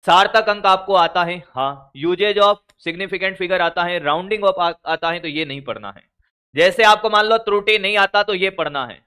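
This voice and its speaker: A man's voice: sits high, measured pace, sharp tone, clean tone. A male teacher giving blunt, scolding study advice to exam students, calling them brother and son. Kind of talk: motivational study advice lecture.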